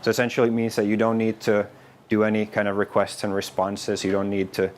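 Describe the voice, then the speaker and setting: A lower-pitched man from Finland talks a meetup audience through a developer presentation. His delivery is casual and loose, with plenty of "uh"s and restarts. A faint room hum sits behind him. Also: brisk. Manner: relaxed, informal, with frequent fillers and restarts. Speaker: developer advocate giving a meetup talk. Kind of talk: conference tech presentation.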